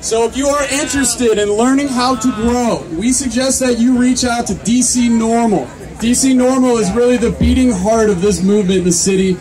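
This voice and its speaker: Speaking at normal speed with few pauses, a young man with a very high, steady voice hosts a contest at an outdoor fair. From beneath a canopy tent he reads entry notes into a handheld mic over the PA and then fires up the audience; a far-off camera mic catches it along with noisy crowd chatter.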